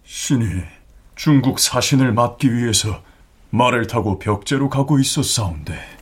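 A man playing a dignified, deferential royal secretary of the Joseon court in a historical radio drama, with formal, measured speech. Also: medium pitch, slight background noise, close to an everyday voice. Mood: solemn reporting.

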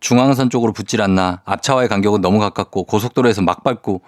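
A male radio DJ on a morning show, reading listener messages and answering them with quick chatty asides. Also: lowish voice, dry recording, studio quality. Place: radio studio. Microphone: studio microphone.

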